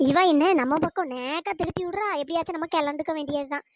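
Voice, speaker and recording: A nosy friend, very high and quick. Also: a little hiss or hum. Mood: coaxing. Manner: questioning, cajoling, quick. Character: nosy village woman friend, coaxing and defensive. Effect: pitch-shifted voice. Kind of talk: cartoon storytelling voice acting.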